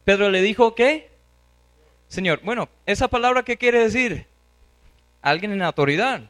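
Animated high-voiced man preaching. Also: moderate pace. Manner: animated, chuckles often, acts out scripture scenes. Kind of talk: sermon.

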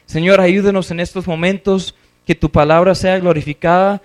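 Man, high voice, pastor, sermon, expressive scripture reading. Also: normal speed. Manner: reads scripture aloud and explains it expressively.

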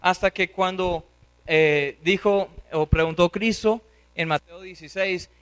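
Animated high-voiced man preaching. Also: unhurried, clean tone. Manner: animated, chuckles often, acts out scripture scenes. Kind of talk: sermon.

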